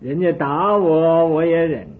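A man's voice: on the high side, unhurried, voice pushed up, lightly acted. A man doing a patient, serene hermit sage. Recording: narrow phone-like band.

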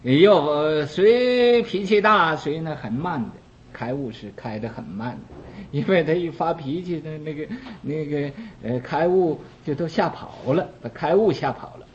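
Slow, deliberate man giving a dharma talk. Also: a little high, animated, a little hiss or hum. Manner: slow and deliberate, with frequent drawn-out "ah" fillers; explains by acting out little everyday scenes. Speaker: Buddhist teacher. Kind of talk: dharma lecture. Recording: dull lo-fi recording.

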